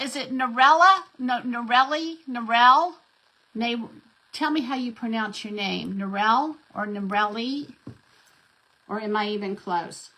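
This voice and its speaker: A woman's voice: on the high side, bright, forceful tone, low-quality recording. A middle-aged woman, chatting casually as she hosts a craft live stream and greets viewers by name. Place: home craft desk.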